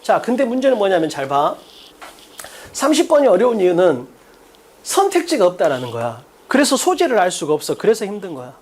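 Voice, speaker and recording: A man's voice: sits high, huge pitch swings, brisk, darkish tone. A man teaching an exam-prep English lecture, blunt and casual, who swears and keeps firing rhetorical questions at his students. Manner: repeats key phrases often.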